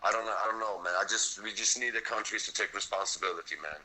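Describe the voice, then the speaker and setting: Poor audio carries this young man's fast, sharp, low-leaning voice. A frontline fighter from Sweden being interviewed, he talks with intensity and bluntness, swearing and throwing in "man" and "bro" at every turn.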